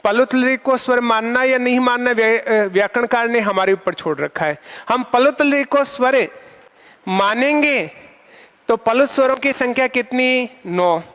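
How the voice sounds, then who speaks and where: Man teaching sanskrit, asks and answers his own questions, slow and deliberate, long hall echo. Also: very high-pitched, fairly bright tone, clear, resonant tone. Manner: asks questions and answers them himself, repeating key terms. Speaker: school lecturer teaching Sanskrit. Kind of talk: classroom lecture.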